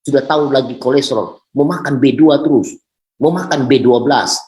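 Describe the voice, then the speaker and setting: A man's voice: mid-range voice, normal speed, a little mellow, lightly acted. A man voicing a blunt male angel who mockingly scolds a glutton, in a roomy echo. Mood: scolding.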